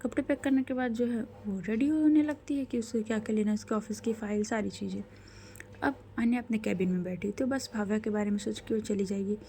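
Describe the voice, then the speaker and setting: A woman's voice: on the high side, steady tone, brisk, warm tone, a little hiss or hum. A woman telling a love story in a chatty, casual way, correcting herself as she goes and mixing in English words.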